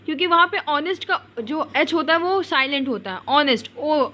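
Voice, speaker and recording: A woman's voice: high-pitched, lively intonation, moderate pace, bright, forceful tone. A woman teaching grammar in an online lesson. She repeats words as she explains, restarts often, and mixes English into her Hindi.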